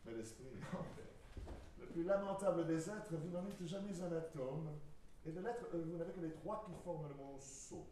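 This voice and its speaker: Cyrano, hammy high-voiced proud swordsman played by a man. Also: moderate pace, mellow, lightly acted. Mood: scornful. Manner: hammy, declamatory stage acting. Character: Cyrano, proud witty mocking swordsman poet with a big nose. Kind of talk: verse stage play performance. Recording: echoey hall from far off, noisy.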